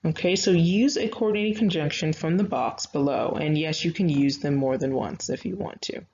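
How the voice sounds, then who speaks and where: Her voice sits low with a darkish tone and moves at normal speed as this young female writing instructor gives a recorded online grammar lesson. The talk is patient and conversational, peppered with fillers, captured in slightly dull lo-fi audio with faint noise.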